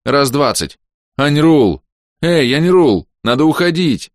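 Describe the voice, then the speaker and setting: A man's voice: on the high side, expressive, takes it slowly, no echo, clean studio sound, pitched above the performer's own voice. A man voicing an earnest young woman who speaks urgently and pleadingly.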